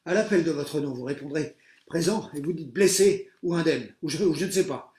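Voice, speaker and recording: A man voicing a stern male teacher who calls the roll loudly and calmly after an accident, in an echoey room. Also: on the high side, fairly quick, voice pushed up, close to an everyday voice. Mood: commanding. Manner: loud, commanding, calming.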